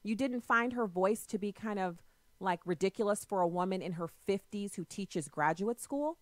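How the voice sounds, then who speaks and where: A woman hosting a political call-in radio show presses her caller with pointed questions, assertive and argumentative. Her medium-pitched voice has lively intonation, and there's no room sound.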